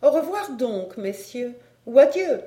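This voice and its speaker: A woman's voice: on the high side, sing-song, measured pace, dark tone, voice pushed up. Brief: cool, haughty foreign countess, lifted and airy, roomy audiobook sound, voiced by the woman narrator. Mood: poised. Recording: roomy echo.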